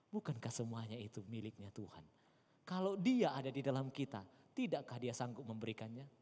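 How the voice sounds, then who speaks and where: A man preaching a sermon as pastor, dramatic, swinging between loud high cries and quiet low murmurs. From Indonesia. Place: church sanctuary. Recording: long church hall reverb.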